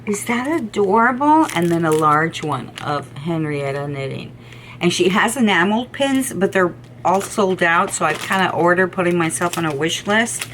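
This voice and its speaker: A woman's voice: on the low side, normal speed, a bit bright, a little hiss or hum. A middle-aged woman hosting a knitting video, chatting casually and enthusiastically to the camera with frequent ums and restarts. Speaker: knitting podcast host.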